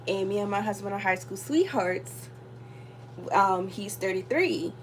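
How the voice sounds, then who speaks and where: In a low-quality recording, a woman in her thirties with a medium-pitched, animated voice speaks a little slowly while cooking in her home kitchen. The tired vlogger rambles casually to her viewers with many fillers, and food sizzles in a pan behind her.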